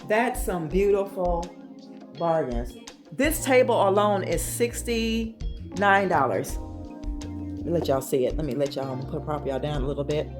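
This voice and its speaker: A woman vlogging from her home office, chatty and excited, calling her viewers "y'all". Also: on the low side, a little slow, over music. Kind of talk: casual chat.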